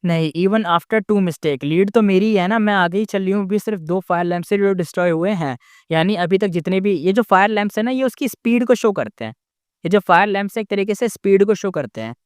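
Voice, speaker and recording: A man's voice: high-pitched, a little fast, clear, resonant tone, no echo, clean studio sound, close to an everyday voice. A man voicing a proud young woman rival whose inner thoughts sound anxious and frustrated, read as part of a casual story retelling.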